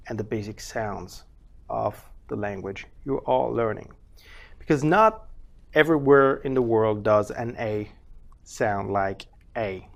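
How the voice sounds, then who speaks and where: A man whose first language is not English, teaching language learners in a casual spoken lesson and drawing out sounds slowly to demonstrate them. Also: mid-range voice, gravelly. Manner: demonstrates sounds in several accents, stretches words slowly.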